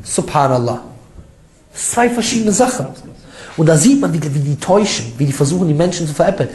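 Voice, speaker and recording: A man giving an informal religious lecture that rebuts critics, lively and mocking, with ironic asides and quick laughs. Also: fairly high pitch. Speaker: Islamic preacher. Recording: echoey room sound.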